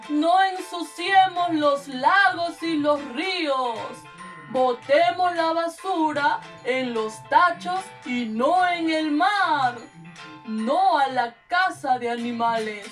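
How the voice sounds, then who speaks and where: A woman's voice: high voice, expressive, slow pace, fairly bright tone, faint music behind, exaggerated voice. A woman with a Peruvian accent voicing a kind, cheerful male pet in a children's puppet show, reassuring and patiently explaining. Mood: eager. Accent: Peruvian Spanish. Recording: voice from a distance off the mic.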